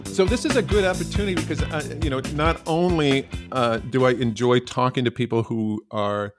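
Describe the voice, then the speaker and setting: A man's voice: medium pitch, normal speed, music in the background. A man hosting a podcast, asking questions in a hesitant way full of fillers. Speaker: podcast host. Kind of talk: podcast interview.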